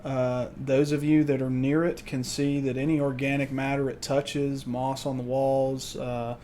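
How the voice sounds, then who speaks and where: A man improvising narration as game master of a tabletop game, explaining in a halting way. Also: mid-range voice, level tone, mellow. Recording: faint background noise.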